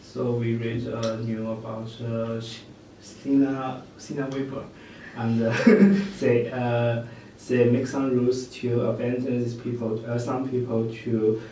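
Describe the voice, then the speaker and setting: Flat halting young man, echoey room. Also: mid-range voice. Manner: halting, flat delivery with many fillers. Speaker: student participant. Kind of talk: casual discussion. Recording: very echoey room from far off, noisy.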